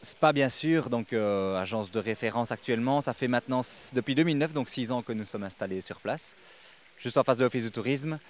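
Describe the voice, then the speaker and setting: Standing outdoors on a lawn, a young real estate agent answers interview questions into a handheld microphone. He's businesslike yet hesitant, with many fillers. His voice is medium-pitched and brisk, with slight background noise.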